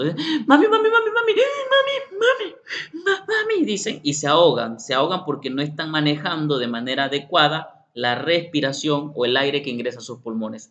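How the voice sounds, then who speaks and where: A fairly high, bright and forceful voice belongs to a middle-aged man running an online workshop lecture. He addresses participants directly, repeats himself often and plays children's voices, and the recording is slightly muffled with a faint hum.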